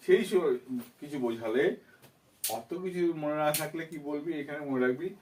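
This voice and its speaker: A man's voice: a little high, moderate pace, darkish tone, distant mic, slight background noise. Male tutor coaxing a pupil, off mic. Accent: Bengali. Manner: repetitive, coaxing questions to a pupil. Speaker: teacher. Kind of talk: tutoring a child in English grammar.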